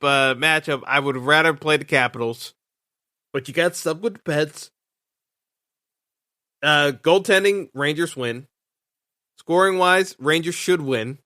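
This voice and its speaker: A man's voice: on the high side, sharp tone, dry recording, clean studio sound. A male podcast host giving solo sports commentary, thinking aloud with many fillers and restarts. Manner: hesitant, full of fillers and restarts.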